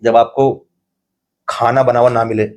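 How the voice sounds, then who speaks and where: A man, a podcast guest telling animated stories in casual conversation and laughing often. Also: mid-range voice, a little slow.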